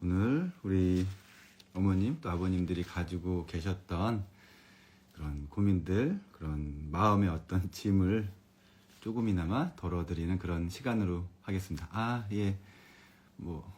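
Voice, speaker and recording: A man, an elementary education expert, giving a friendly live-streamed lecture for parents in a calm, comfortable voice, chatting with viewers and reading out their comments. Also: low-pitched, a little slow.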